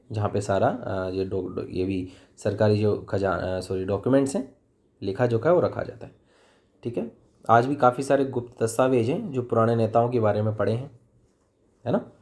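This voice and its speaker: In this classroom vocabulary lesson, a Hindi-accented man explains English words conversationally, asking his own questions and then answering them. He has a mid-range, slightly mellow voice.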